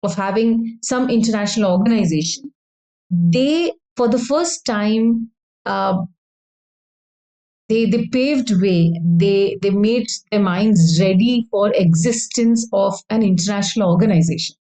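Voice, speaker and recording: Mellow-voiced woman lecturing on law. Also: mid-range voice, a little slow, rough recording. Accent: Indian English. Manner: explanatory, repeats and rephrases points. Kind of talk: educational lecture.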